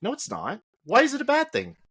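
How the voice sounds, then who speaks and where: A man co-hosts a podcast on politics, speaking fairly quickly in a husky, slightly whiny voice and peppering his arguments with rhetorical questions that rise high. He's casual yet animated, recorded dry at studio quality.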